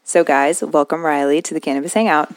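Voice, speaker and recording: Lowish-voiced woman co-hosting, dry close sound. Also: steady tone, fairly quick, dry recording. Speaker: podcast co-host. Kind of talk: casual podcast hosting.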